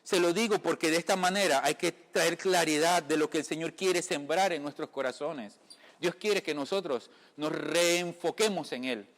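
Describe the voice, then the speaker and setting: This man from the Caribbean, a lay preacher, talks to his audience in an informal sermon, frequently saying brother and checking they understand. He has a fairly high, fairly bright voice at a moderate pace, recorded with long reverb from a room.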